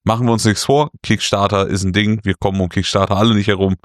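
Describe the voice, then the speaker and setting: A man's voice: on the low side, steady tone, fast, no room sound, studio quality. A man co-hosting a casual board game news podcast, self-mocking and jokey, laughing at his own slips. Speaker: podcast co-host.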